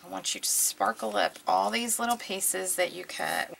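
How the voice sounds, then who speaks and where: Creaky lady w a bit of a sore throat doing a craft how-to, kinda bright edgy voice, noisy background w clicks. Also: on the low side, huge pitch swings. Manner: unhurried, murmuring to herself as she works. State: slightly sore throat, clearing it now and then. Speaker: craft tutorial host. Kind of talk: casual hands-on craft tutorial, talking while working.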